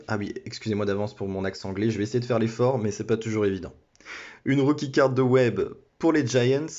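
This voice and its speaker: A man's voice: mid-range voice, darkish tone. A man hosting a sports card break, chatting casually and hesitantly with many restarts and small apologies. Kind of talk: casual card-opening commentary. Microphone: phone. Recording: dull lo-fi phone audio.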